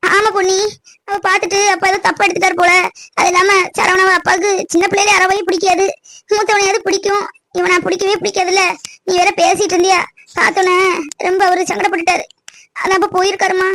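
ஒரு பெண் நடிக்கும் கவலையான கிராமத்து அம்மா. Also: female voice, extremely high pitch, flat delivery, fast, a bit bright. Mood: tearful pleading. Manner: pleading, anxious, tearful. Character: worried, tearful village mother, middle-aged. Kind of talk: cartoon voice acting.

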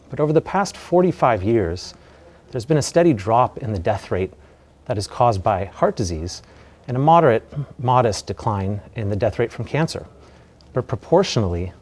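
An American man in his thirties giving a measured, explanatory medical lecture, his voice slightly muffled by a mask over his mouth. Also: on the low side, a little mellow. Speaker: radiation oncologist giving a lecture. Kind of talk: educational medical presentation. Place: indoor presentation room. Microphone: lapel mic.

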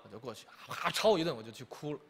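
A man's voice: mid-range voice, rapid-fire. A young man doing a stand-up comedy routine, telling stories and often asking the audience to agree. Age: young adult. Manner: lively storytelling, acts out characters, keeps asking the crowd to agree. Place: TV studio stage.

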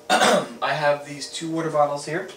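A young man with a slightly high voice hosts a home science demonstration, speaking slowly and earnestly as he explains each step. He often restarts sentences and clears his throat, picked up by a camera mic a few feet away in a small room with roomy echo and hiss.

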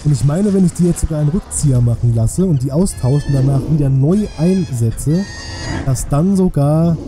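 A man's slightly high voice comes at a moderate pace as he casually commentates a game on a live stream, speaking colloquially and musing aloud. He's in a small indoor home streaming room, and music sits behind his voice.

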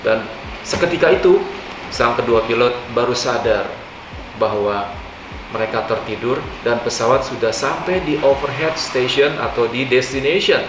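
Older male host explaining aviation incidents to camera in an animated way; recorded from across a roomy living room with a steady hum. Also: medium pitch, moderate pace. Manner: animated, gesturing, mixes English aviation terms into Indonesian. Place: living room on a leather sofa, indoors. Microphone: far camera mic. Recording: echoey room, distant mic, hum.

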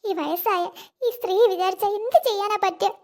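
A woman voicing a doting, protective old grandmother in an animated cartoon, tender with the child and sharp about others. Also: extremely high pitch, moderate pace. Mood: tender, indignant. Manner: tender with the child, scolding toward her daughter-in-law.

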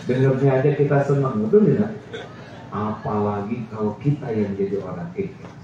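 A man's voice: fairly low pitch, moderate pace, noisy background. Man preaching with playful questions, roomy and distant. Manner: lively, jokey, asks the crowd questions. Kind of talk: outdoor sermon. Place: outdoor stage under a tent. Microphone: handheld mic, far camera. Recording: roomy, distant, dull PA sound.

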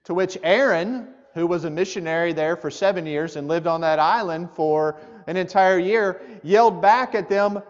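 Male preacher, high-pitched, chatty sermon delivery; dull recording in an echoing sanctuary. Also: moderate pace, hardly any pauses. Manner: conversational, asks the congregation direct questions. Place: church sanctuary. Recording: muffled church hall with long reverb.

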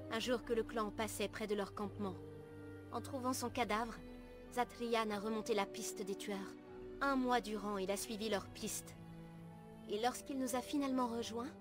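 A woman playing an earnest, gentle young elf apprentice in a video game, speaking formally and in measured, literary phrases. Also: mid-range voice, natural voice. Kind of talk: video game dialogue acting. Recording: music behind the voice.

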